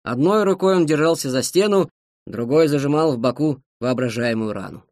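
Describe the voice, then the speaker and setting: Lively male audiobook narrator. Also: fairly high pitch, normal speed, no room sound, studio quality. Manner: lively, expressive reading. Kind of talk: scripted narration.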